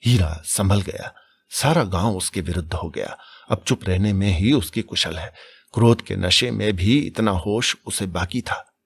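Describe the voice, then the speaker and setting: A man's voice: low-pitched, a little slow, vocal fry, husky. A man reading a classic novel as an audiobook, telling the story dramatically. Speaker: audiobook narrator.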